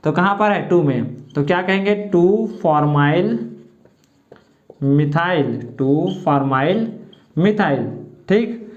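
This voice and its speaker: A man's voice: a little high, lively intonation, slow. A man teaching a chemistry lesson, asking questions and answering them himself while stretching out key terms. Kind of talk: classroom lecture with call-and-response. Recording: roomy, muffled lo-fi sound.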